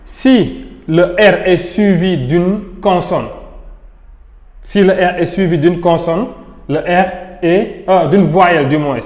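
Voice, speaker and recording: Slow, echoey teacher. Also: male voice, on the high side, a little mellow. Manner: patient, repeats each rule and example slowly. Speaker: English teacher. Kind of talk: French-language pronunciation lesson. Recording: echoey room with long reverb.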